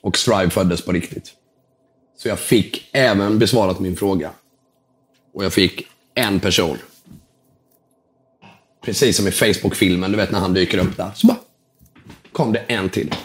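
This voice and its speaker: A man with a fairly low voice telling an animated story as a guest in a casual interview. He acts out the dialogue and drops English words into his talk. His tone is relaxed, and he swears now and then. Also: pauses often, slight background noise. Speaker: entrepreneur guest.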